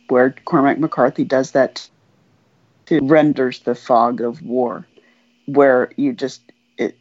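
A man's voice: medium pitch, a little mellow, no echo, muffled recording. A man who teaches, chatting in a casual book discussion, conversational and prone to trailing off and restarting.

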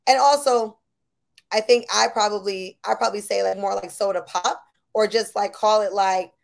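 A woman's voice: mid-range voice, fairly even intonation, normal speed, vocal fry. A woman from Buffalo, New York, hosting a podcast in casual conversation, chatty and affirming with lots of fillers. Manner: chatty, affirming, full of you-know fillers. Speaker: podcast host.

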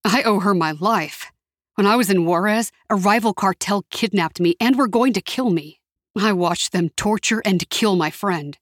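A woman's voice: medium pitch, normal speed, dry recording, studio quality, natural voice. A woman voicing a tough young man who survived a cartel, talking bluntly and coarsely.

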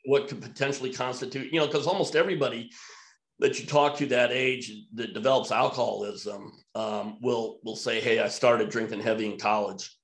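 A man's voice: mid-range voice, fairly even intonation, normal speed, echoey room. A man who works as an emergency physician, talking bluntly and emphatically as a guest in a podcast conversation.

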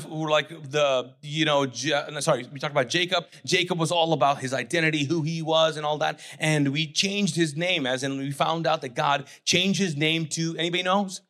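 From a church stage, a middle-aged pastor raised in Kuwait by a Pakistani family delivers a sermon in English, which is neither his first nor second language. His fairly bright voice sits a bit high. He stays conversational, quotes imagined voices, and pauses so the room can answer.

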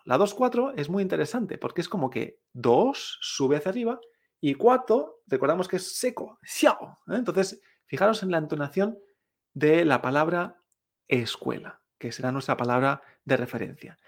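A man teaching Chinese pronunciation in a slow, deliberate lesson, repeating words and checking in with a questioning "¿eh?". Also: on the high side, animated, vocal fry. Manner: drills words slowly, checks in with "¿eh?".

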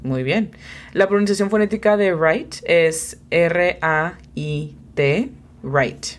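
This is a bilingual English lesson podcast where a woman teacher and host patiently explains vocabulary to a beginner, spells out words, and encourages her student. She has a lowish voice and takes her time.

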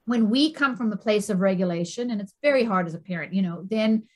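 A middle-aged woman, a stress and anxiety coach, talking as a guest in a casual interview, animated, often repeating words and asking "right?". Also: mid-range voice, quick pace.

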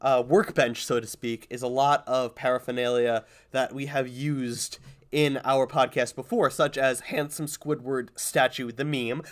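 A man's voice: mid-range voice, steady tone, a little slow. A man co-hosting a podcast in casual comedic chat, wry and mock-exasperated, getting over an illness with a lingering cough. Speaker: podcast co-host.

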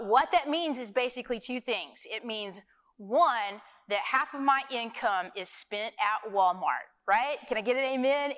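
A woman's voice: fairly high pitch, fairly bright tone. A middle-aged woman with an Arkansas accent giving a chatty, folksy, informal talk to an audience at a conference. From Arkansas, United States. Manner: chatty, folksy, frequent rhetorical asides. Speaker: conference speaker. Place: conference hall. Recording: long hall reverb from live event.

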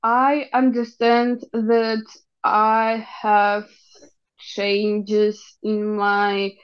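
A young Ukrainian woman with a Ukrainian accent, haltingly searching for English words as she gives a personal account in an interview. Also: on the high side, clean tone, muffled recording. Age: young adult. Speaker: interview guest.

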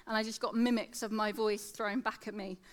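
A woman's voice: medium pitch, flat delivery, fairly quick. Woman with a slushy lateral lisp. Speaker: secondary school teacher giving a devotional talk. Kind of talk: sermon, devotional talk with scripture reading.

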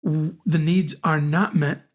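Forties guy on a couples podcast, husky voice, lively, keeps repeating words as he gets going. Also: fairly high pitch, unhurried. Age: 40s. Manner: animated, teasing, stammers on repeats. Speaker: podcast co-host. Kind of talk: casual chat.

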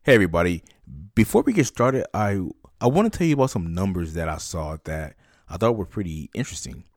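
A man with a low voice talks as a solo podcast host, explaining things in a conversational, step-by-step way. He addresses one listener directly and personally. The sound is dry and close, with very little room on it. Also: sing-song, brisk, no echo.

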